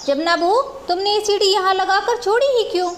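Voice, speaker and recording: A stern old village mother-in-law, voiced by a woman, in a children's storybook. She scolds and commands in a very high, thin voice, with a faint hum of ambience behind her. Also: brisk. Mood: bossy.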